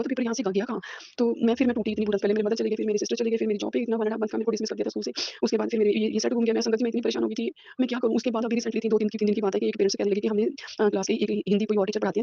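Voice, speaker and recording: This fairly high, creaky, dark-toned voice belongs to a fifties-aged teacher from Punjab sharing a sincere devotional testimony. She uses a phone at home, repeats herself frequently and blends English into her words, and the sound is dry and lo-fi.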